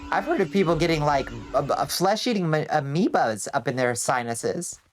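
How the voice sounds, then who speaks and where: This Georgia-based vtuber talks to her stream as she plays, in a very deep, congested, nasal voice from a blocked nose. Expressive and speaking at normal speed, she wanders between topics, answers chat, and curses offhandedly, with a faint hiss or hum in the audio.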